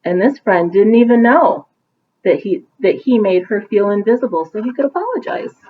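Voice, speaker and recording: Through a thin, narrowband, phone-like recording with a little hiss or hum, a woman with a medium-pitched voice reads a bedtime story. Like a teacher with a picture book, she uses lively intonation at a moderate pace and offers simple, encouraging explanations to the children.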